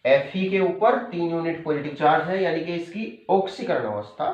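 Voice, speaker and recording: A man's voice: fairly high pitch, moderate pace. A man teaching chemistry in a patient lecture style, repeating key terms and checking in with his students. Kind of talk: classroom lecture. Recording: echoey room, dull lo-fi sound.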